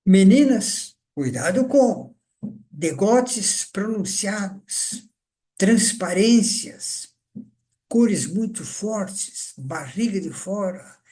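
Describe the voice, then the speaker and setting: An older man giving a lecture on communication, teaching in a deliberate, conversational way with frequent filler tags. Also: sits high, darkish tone. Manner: slow, deliberate, conversational teaching with many "então" and "né". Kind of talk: lecture on speaking and presentation.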